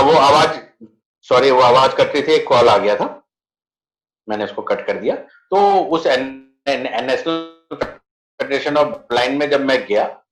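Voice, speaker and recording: A middle-aged man with an Indian accent, telling his personal story in a conversational, earnest way as a network marketing leader on a video call. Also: mid-range voice. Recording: echoey room on a video call.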